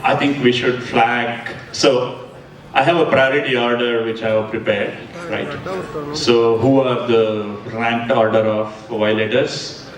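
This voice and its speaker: A man with an Indian accent from Karnataka answers questions at a live event. His voice is medium in pitch and his phrasing is hesitant and thoughtful. He sounds away from the mic in a roomy space with an audience around him. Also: fairly even intonation, takes it slowly. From coastal Karnataka and Bengaluru, India. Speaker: panelist. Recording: roomy, distant mic, crowd behind.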